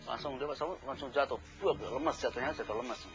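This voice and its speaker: A man's voice: mid-range voice, brisk. A man recounting events as a neighbor witness, acting out the dialogue as he tells it. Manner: animated, acts out the dialogue he retells. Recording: dull lo-fi TV audio with music. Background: music.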